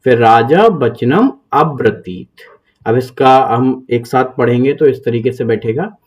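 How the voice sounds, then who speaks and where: A man's voice: medium pitch, unhurried. A man, hosting his channel and patiently explaining and reciting a Sanskrit verse step by step. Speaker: Gita teacher, channel host.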